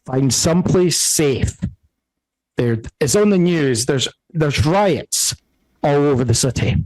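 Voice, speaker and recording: A man's voice: fairly high pitch, darkish tone, no room sound, low-quality recording. A man doing a grumpy seventy-year-old dad. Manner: slow, hesitant, full of fillers.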